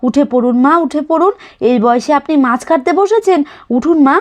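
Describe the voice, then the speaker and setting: A woman's voice: high-pitched, lively intonation, moderate pace, darkish tone, pitched above the performer's own voice. A woman voicing a bustling, bossy eldest wife who fusses and urges others in a doll cartoon. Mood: urging. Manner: fussing, urging.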